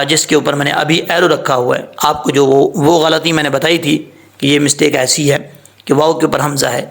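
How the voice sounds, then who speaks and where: A man's voice: a little high, vocal fry, a bit bright. A man teaching Quran recitation rules, patiently explaining step by step and correcting common mistakes, over a screen recording. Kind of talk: tajweed lesson with recited examples.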